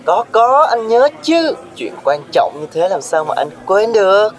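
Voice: medium pitch, big pitch swings, measured pace. A performer putting on a swaggering young boyfriend voice in a comedic audio drama. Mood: cooing.

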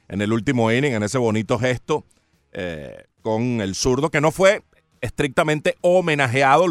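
A man talking as a sports commentator on a studio panel, measured and deliberate, pausing often with hesitations. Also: mid-range voice, dry recording.

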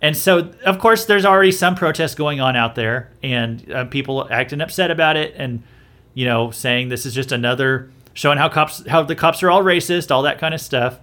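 This southern U.S. podcast host talks through the news with loose, opinionated commentary, frequently restarting sentences and repeating himself. He speaks at a normal pace in a slightly high, bright, pushed voice.

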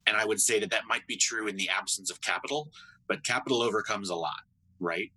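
Deep-voiced, thoughtful podcast guest, man. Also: bright, forceful tone, breathy edge, no echo, low-quality recording. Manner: thoughtful, measured, often asks "right?". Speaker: podcast guest, computer scientist. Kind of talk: conversational interview answers.

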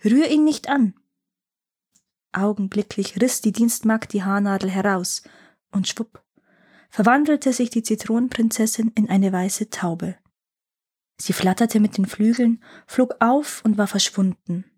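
A woman narrating a fairy tale in a calm, expressive storybook style. Her voice is soft and husky, with a breathy edge, at an everyday pitch. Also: a little slow. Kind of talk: storybook reading.

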